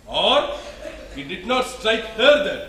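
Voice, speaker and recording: A man playing a mighty, hot-tempered male god on stage, declaiming in a commanding, booming way. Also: sing-song, takes it slowly, a bit bright, exaggerated voice. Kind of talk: amateur stage drama. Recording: echoey hall, mic from a distance.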